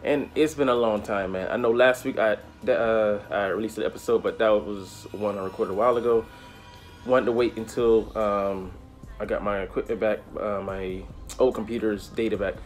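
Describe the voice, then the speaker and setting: A young adult man hosts a reaction video, chatting casually in an animated, slang-heavy way, his voice fairly low and at a normal speed. He's recording in a small room, with soft music in the background.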